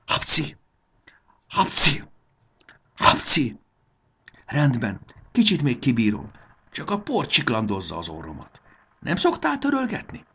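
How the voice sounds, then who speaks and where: A man voicing a tiny, curious female fairy in a high, wondering voice with a husky edge. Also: wildly swooping pitch, a bit bright, exaggerated voice. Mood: complaining.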